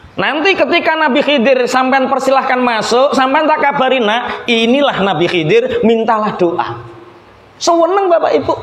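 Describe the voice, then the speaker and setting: A man with a Javanese accent preaching a sermon, telling a story lively and acting out its dialogue. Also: high-pitched. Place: gathering in Balikpapan. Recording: echoey room with faint ambience.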